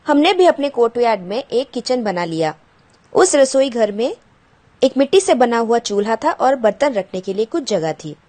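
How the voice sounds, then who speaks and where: High-voiced woman teacher explaining a lesson. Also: sing-song, normal speed, darkish tone. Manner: patient explaining, glosses English words, asks pupils questions. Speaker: school teacher. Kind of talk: explaining a textbook chapter to children.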